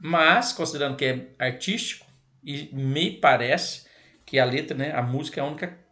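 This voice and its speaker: A man's voice: a little high, moderate pace, pushed and bright. Brazilian man teaching law, scratchy throat. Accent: Brazilian Portuguese. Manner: explanatory, repeats and corrects himself, addresses "pessoal". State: scratchy, irritated throat, clearing it. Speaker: lecturer on child protection law. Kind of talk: online legal lesson.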